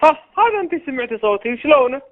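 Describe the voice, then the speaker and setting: Man, teasing and blunt, high and lively, talks fast, tinny dry phone audio. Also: no room sound. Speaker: person receiving a phone call. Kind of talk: casual phone chat.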